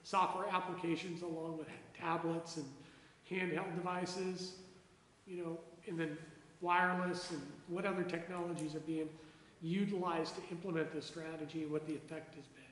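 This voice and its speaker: A male instructor with a high voice, emphatic as he coaches students on projecting. The sound is an echoey classroom with a long reverb tail and a faint hiss behind it. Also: level tone, moderate pace, fairly bright tone. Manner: emphatic, demonstrates projecting his voice.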